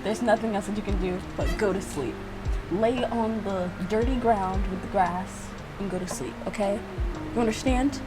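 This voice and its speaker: A woman who creates videos reacts to her own visual novel, reading portions aloud in a casual, giggly, self-mocking way. Her mid-range voice moves at normal speed, the recording is low quality, and music plays underneath.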